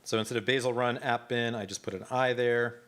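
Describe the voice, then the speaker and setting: A man instructing a hands-on coding workshop. His voice sits at an ordinary middle pitch, and he talks casually, with frequent ums and self-corrections as he demos. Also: steady tone, a little fast, fairly bright tone. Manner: casual, many fillers and restarts.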